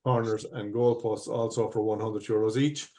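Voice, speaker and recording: A man's voice: fairly low pitch, steady tone, normal speed, warm tone. A man with an Irish accent working as a bingo caller, reading out numbers digit by digit in set phrases and hosting a live online game. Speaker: bingo host.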